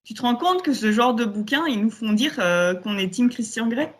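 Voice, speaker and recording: A woman's voice: a little high, expressive, moderate pace. A woman co-hosting a casual podcast, retelling scenes animatedly with frequent fillers. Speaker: podcast co-host. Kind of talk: casual chat.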